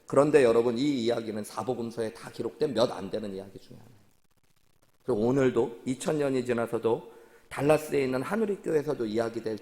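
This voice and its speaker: A man's voice: medium pitch, darkish tone. Male pastor, conversational sermon, asks the pews questions and echoes the replies, long hall reverb. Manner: asks the congregation questions and repeats their answers. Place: church sanctuary.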